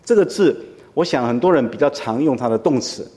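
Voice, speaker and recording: A man's voice: mid-range voice, animated, brisk, dark tone. Preaching man in a reverberant hall. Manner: conversational teaching with frequent rhetorical questions. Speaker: pastor. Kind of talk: sermon.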